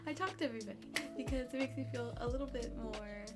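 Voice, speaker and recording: A woman's voice: on the high side, fast. A young woman from Los Angeles with a lisp from new braces, chatting in a rambling, gushing way as a game streamer answering questions in a casual vlog. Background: background music.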